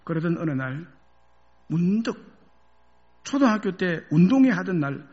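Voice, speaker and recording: A male pastor preaching a sermon through a story, with emotional, dramatic swings between loud and hushed delivery. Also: sits high, sing-song, a little slow, lo-fi sound.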